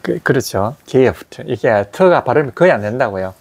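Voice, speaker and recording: A male English grammar teacher, giving a slow classroom lesson and drilling pronunciation through repetition. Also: mid-range voice, lively intonation, darkish tone, breathy edge.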